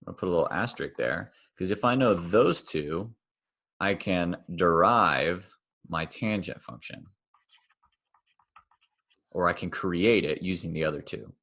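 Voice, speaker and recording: Low-voiced man teaching math. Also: fairly bright tone. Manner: casual, self-correcting, thinks aloud while drawing. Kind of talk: recorded online math lecture.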